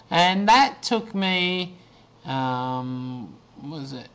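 A tired vlogger in his twenties, voice going hoarse, talks slowly to the webcam on his desk in a small bedroom. His tone is a little high and fairly bright, and he rambles through a casual video diary full of ums and restarts, like he's chatting with friends.

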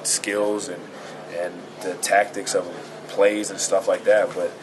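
A man in his twenties answering questions in a casual interview, informal and halting as he thinks aloud. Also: sits low, flat delivery, rough recording. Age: 20s. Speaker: basketball player being interviewed. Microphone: handheld camera and recorders held near. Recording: loud crowd chatter behind the voice.

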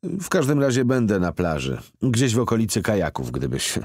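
A man's voice: on the low side, big pitch swings, moderate pace, a little mellow, husky, no room sound, studio quality, pitched above the performer's own voice. A man voicing a blunt, reserved middle-aged man in an audiobook, speaking curtly. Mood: hesitant. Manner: curt and blunt.

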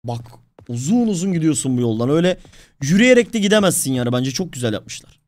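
A young man streaming a game role-play, chatting excitably with a friend and his viewers. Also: on the high side, quick pace, no echo. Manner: excitable, talks to his chat. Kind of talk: casual gaming chat.

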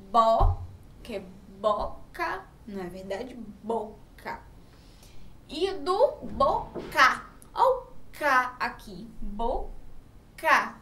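A Brazilian woman teaching young children to read, her high voice swooping up and down as she stretches out each syllable. She talks slowly and keeps asking the class questions. The recording sounds roomy and a little distant, with faint noise behind her. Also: a bit bright. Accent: Brazilian Portuguese. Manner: slow, sing-song, drawn-out words, asks children questions. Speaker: primary school teacher. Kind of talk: children's literacy lesson.

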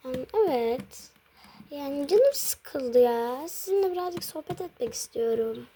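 A woman's voice: high-pitched, expressive, unhurried, dark tone. A woman voicing a chatty, whiny young girl pet in a toy role-play story. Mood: bored. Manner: whiny, complaining. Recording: audible background hiss.

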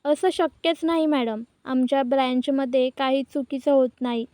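Lady reading out a jittery bank manager guy, begging, high voice, dry sound. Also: steady tone, normal speed, warm tone, no room sound, close to an everyday voice. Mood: pleading. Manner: retold in the narrator's own voice. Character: panicky male bank manager, pleading.

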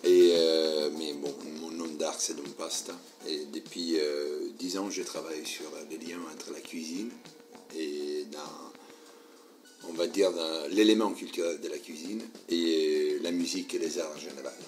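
A man from Southern Italy speaking French with an Italian accent, answering interview questions with many pauses and restarts. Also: rumbling low, steady tone, darkish tone, soft background music. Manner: hesitant, many fillers and restarts. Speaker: guest interviewee. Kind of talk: casual interview.

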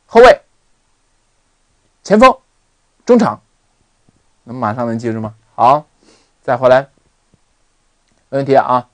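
A man teaching an online English lesson, drilling words by repeating them in an animated way. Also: medium pitch, unhurried, pauses often, no echo.

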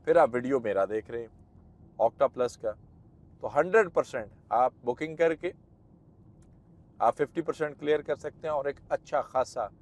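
A man's voice: mid-range voice, moderate pace, pauses often, darkish tone. A man with a Pakistani Urdu accent giving a persuasive, emphatic sales commentary on a property site tour from a moving car. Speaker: property marketing host. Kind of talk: site-visit vlog commentary.

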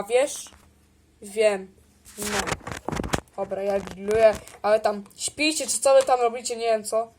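A woman with a high voice improvises a toy role-play, playing several squabbling characters. She talks at an unhurried pace and jumps playfully from one voice to the next. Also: darkish tone, slight background noise. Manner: playful, bickering, switches between character voices. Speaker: toy video creator.

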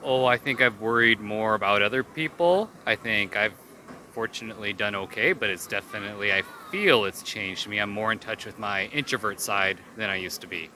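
Middle-aged man, low-ish pitch, very bright, calm, street noise faint. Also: normal speed. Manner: calm, reflective. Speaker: passerby interviewee. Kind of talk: street interview answer. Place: outdoor city street. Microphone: handheld mic.

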